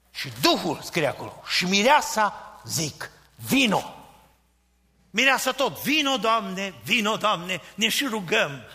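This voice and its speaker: A man preaching a fervent sermon, building from quiet pleading to shouted proclamations. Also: high voice. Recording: long reverb of a church hall.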